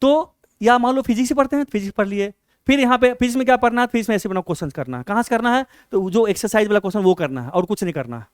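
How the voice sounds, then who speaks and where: A man's voice: high voice, expressive, very fast, clear, resonant tone, no echo, studio quality. A male teacher, giving casual study advice and often checking in with his listeners as he talks. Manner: chatty, repeats "है ना" often.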